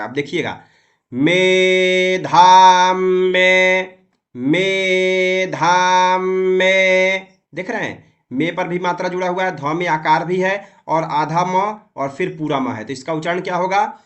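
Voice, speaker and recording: In a recitation lesson, a man with a voice on the high side teaches how to read and memorize Vedic mantras. He explains patiently and chants the syllables slowly, drawing them out.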